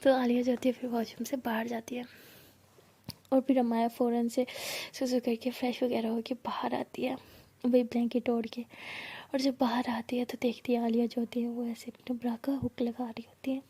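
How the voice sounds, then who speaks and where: A young woman telling her own love story in a soft, often half-whispered voice. Her voice is high and breathy with a mellow tone. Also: level tone, normal speed. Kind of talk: first-person love story narration.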